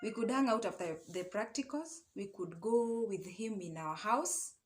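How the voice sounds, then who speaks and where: An online storyteller and love coach, this young woman speaks with a Kenyan accent and an expressive, medium-pitched voice at normal speed. She tells a personal story in a laid-back, conversational manner, moving between English and Swahili and regularly checking in with short tag questions.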